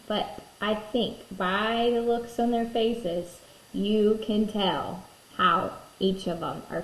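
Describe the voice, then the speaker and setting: Female kindergarten teacher, unhurried storytime read-aloud for toddlers, simple questioning delivery, echoey room. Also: mid-range voice. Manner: reading to a toddler: simple words, gentle questions to the listeners. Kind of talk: reading a picture book aloud to young children. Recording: echoey room, faint background noise.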